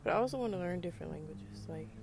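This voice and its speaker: A woman's voice: fairly low pitch, expressive, rapid-fire, creaky, a little mellow, a little hiss or hum. A woman with a Southern US accent talking frankly and emphatically to camera in a casual monologue, with frequent conversational asides. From United States. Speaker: vlogger.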